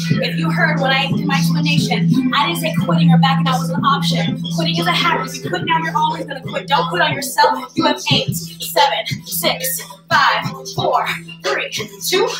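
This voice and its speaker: A woman leading a live workout, calling out countdowns with sassy, energetic encouragement. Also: high-pitched, moderate pace, reverberant, recorded from a distance, low-quality recording. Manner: energetic motivating callouts and countdowns; sassy and playful. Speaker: fitness instructor. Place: home workout space. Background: workout music.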